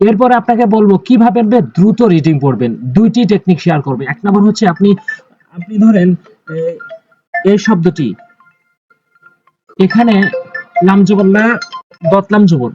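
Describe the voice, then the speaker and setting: A man teaching Quran recitation, slowly spelling out letters and drawing out the vowels, often repeating his instructions. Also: high voice, no echo, highs cut off. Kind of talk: Quran reading lesson.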